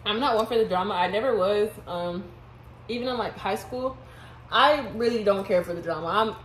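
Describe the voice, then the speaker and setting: A woman's voice: mid-range voice, normal speed, echoey room, slight background noise. A young woman from Houston, a college sophomore, chatting casually and candidly on her video with frequent laughs. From Houston, Texas. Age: young adult. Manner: laid-back, candid, laughs often. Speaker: vlogger. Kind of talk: casual chat.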